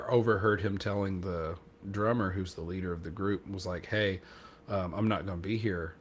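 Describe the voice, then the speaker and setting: A man's voice: low-pitched, a little hiss or hum. A man on a podcast telling a rambling, self-deprecating story in casual chat, acting out what other people said. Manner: acts out quoted dialogue. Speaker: podcast co-host.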